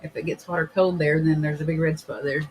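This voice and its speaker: A man hosting a casual podcast, talking in a rambling way full of fillers and clearing his throat now and then. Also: fairly high pitch, steady tone, fast talker, a little hiss or hum, low-quality recording. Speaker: podcast host. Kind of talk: casual chat, reading viewer comments.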